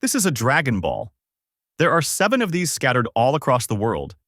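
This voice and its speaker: A man voicing a bossy, excitable young woman in a fan-made story, talking in a raised, snappy, impatient voice. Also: medium pitch, normal speed, no room sound, clean studio sound.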